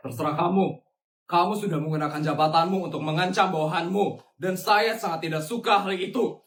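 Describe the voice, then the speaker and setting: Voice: medium pitch, a little fast, pitched below the performer's own voice, natural voice. A woman voicing a stern, wealthy male company owner who speaks coldly and formally. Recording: roomy sound from a distance.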